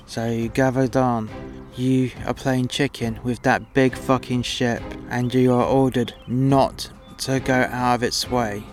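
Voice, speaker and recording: A man's voice: mid-range voice, level tone, takes it slowly, hardly any pauses, close to an everyday voice. A man playing a gung-ho, foul-mouthed starship captain in an audio drama, commanding his crew informally and recklessly. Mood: cocky, explaining. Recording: loud music behind the voice. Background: music.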